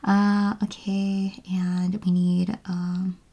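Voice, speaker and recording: At home indoors, a planner video host chats casually while crafting, narrating her work, musing to herself and often trailing off into murmurs. Her voice is lowish and mellow, with a flat delivery and an extremely slow pace.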